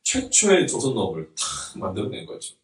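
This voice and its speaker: A man's voice: lowish voice, huge pitch swings, moderate pace. A man in his thirties, a pastor, preaching a conversational sermon with jokes and laughter, recorded from a distance in a church sanctuary. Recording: roomy hall from a distance.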